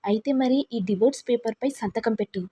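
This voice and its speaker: A woman's voice: fairly high pitch, quick pace, dark tone, slightly rough. A woman voicing an angry young husband who taunts and accuses his wife. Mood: taunting.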